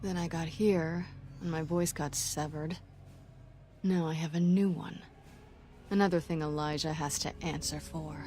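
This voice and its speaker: An actress playing a hardened, grim operative with a sore throat, speaking tersely in video game dialogue. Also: female voice, low voice, fairly even intonation, measured pace, mellow, soft background music. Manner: terse, clipped, matter-of-fact.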